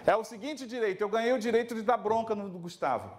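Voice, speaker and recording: A middle-aged man lecturing teachers at an event, animated and acting out little scenes with his students. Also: sits high, fast talker. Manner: animated, acts out dialogue with students. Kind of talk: lively talk to a live audience. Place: event hall.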